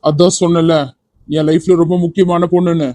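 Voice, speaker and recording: A man's voice: fairly high pitch, level tone, brisk, mellow, no echo, natural voice. A man voicing a protective young hero in a cartoon, teasing and firm in turn. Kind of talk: cartoon voice acting.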